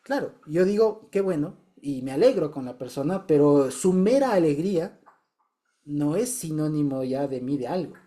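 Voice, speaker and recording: Man, fairly high mellow voice, casual group testimony, keeps checking listeners follow. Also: animated, moderate pace. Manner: chatty, repeats words and checks in with listeners. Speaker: Bible study group member.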